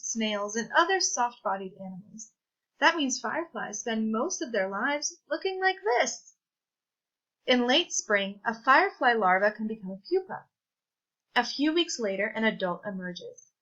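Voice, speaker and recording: A read-aloud presenter with a very bright, forward voice reads a children's science book. Her pitch is a little high and her phrasing deliberate and teacher-like, and the recording sounds somewhat dull and lo-fi.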